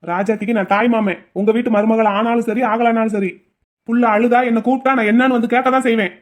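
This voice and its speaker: A woman's voice: a little high, fairly even intonation, fast talker, lightly acted. A woman voicing a stern, protective uncle in a cartoon, speaking firmly. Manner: firm, stern. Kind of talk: cartoon voice acting.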